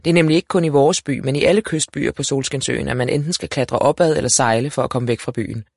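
A man narrating a first-person storybook in a lively, wry way. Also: mid-range voice, gravelly, no room sound, studio quality. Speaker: audiobook narrator.

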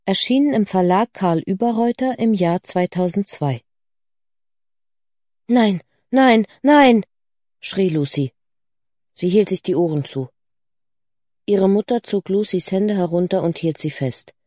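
A woman narrating a children's book in a calm, even way. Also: mid-range voice, moderate pace, no room sound, studio quality. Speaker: audiobook narrator. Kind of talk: scripted narration.

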